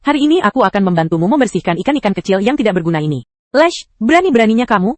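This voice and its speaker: A computer-generated woman's voice reads an anime story recap at a quick clip, with a pitch that jumps around a lot. She voices every character herself without changing her sound, and the recording is close and dry. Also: very animated, dry recording. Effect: synthetic text-to-speech voice. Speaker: narrator.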